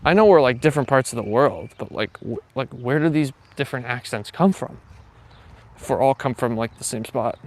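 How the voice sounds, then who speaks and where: The host of a live morning walk stream, this man talks outdoors in an animated, mid-range voice at normal speed. His casual chat rambles and is full of fillers as he reads out and responds to his viewers' messages.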